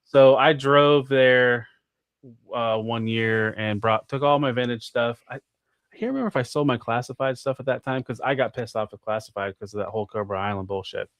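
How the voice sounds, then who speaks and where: A man's voice: medium pitch, normal speed, fairly bright tone, clear, resonant tone, no room sound. An American man, a guest on a podcast, chatting in a rambling way full of "like" and restarts. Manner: rambling, filler-heavy with many restarts. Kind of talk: casual chat.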